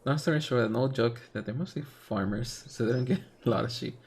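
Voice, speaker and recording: A man's voice: mid-range voice, brisk, darkish tone, husky. A man hosting a casual let's play, chatting and joking with a laugh while reading game text aloud.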